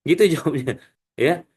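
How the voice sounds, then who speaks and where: A man's voice: mid-range voice, husky. A man preaching a study sermon in a mosque, asking his listeners questions and having them answer back. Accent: Indonesian. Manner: animated, call-and-response questions to listeners. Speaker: preacher teaching students.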